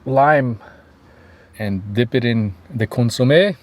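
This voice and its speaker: A man's voice: mid-range voice, slow. A young man from Canada chatting enthusiastically to his viewers in a casual mukbang vlog, recorded on a phone in a car. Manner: chatty, enthusiastic, addresses viewers as you guys. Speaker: food vlogger. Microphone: phone camera.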